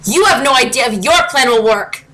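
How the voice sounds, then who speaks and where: A woman's voice: a little high, lively intonation, brisk, lightly acted. Woman as Geno, a bitter wounded skeleton. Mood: angry, accusing. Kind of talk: dramatic comic dub acting.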